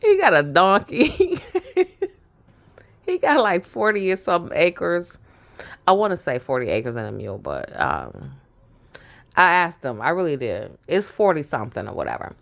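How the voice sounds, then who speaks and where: A woman's voice: lowish voice, big pitch swings, moderate pace, creaky, a bit bright. A woman in her thirties with a Brooklyn accent, telling a rambling family story to camera and laughing often. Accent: Brooklyn, New York. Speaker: vlogger.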